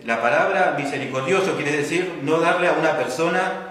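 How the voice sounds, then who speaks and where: A man's voice: on the high side, a little fast, a bit bright. A man with an Argentine accent preaching a sermon, teaching patiently and checking in with the congregation with frequent "¿no?" questions. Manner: teacherly, asks the congregation questions and tags lines with "¿no?". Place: church hall. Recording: echoey church hall from a distance.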